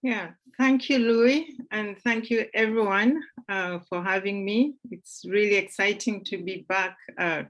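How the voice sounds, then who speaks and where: A woman in her forties from Uganda, speaking as a guest at a panel discussion, measured with frequent fillers. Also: mid-range voice, steady tone, a bit bright.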